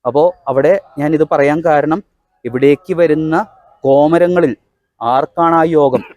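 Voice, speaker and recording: A man's voice: fairly high pitch, darkish tone, dry recording. Instructive man with a Kerala accent. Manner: emphatic, instructive, repeats key points. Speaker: presenter. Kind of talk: explanatory talk to devotees.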